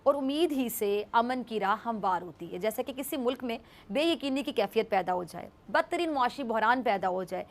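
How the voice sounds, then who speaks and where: A woman delivering scripted news commentary in a formal, measured way. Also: a little high, expressive.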